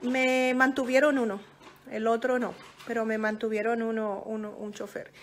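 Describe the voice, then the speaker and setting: A high-voiced woman speaks calmly and gently, advising fellow parents in a relaxed, casual talk. She pauses often, restarts her sentences, and checks in with her listeners like a patient teacher. A faint hum sits behind her voice. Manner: calm, slow and gentle, with many pauses and restarts. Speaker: parent giving advice.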